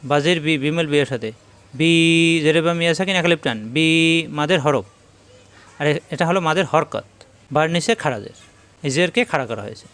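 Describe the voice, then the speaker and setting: A man with a Bangladeshi Bengali accent teaching Quran recitation rules step by step, patiently drilling syllables by repeating them slowly. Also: on the high side, expressive, fairly bright tone. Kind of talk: step-by-step tajweed lesson.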